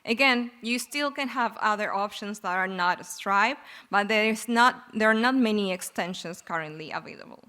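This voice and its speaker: A woman from Argentina giving a relaxed, chatty live tech talk on a conference stage. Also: mid-range voice, normal speed, hardly any pauses. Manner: relaxed, chatty, laughs easily. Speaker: conference speaker.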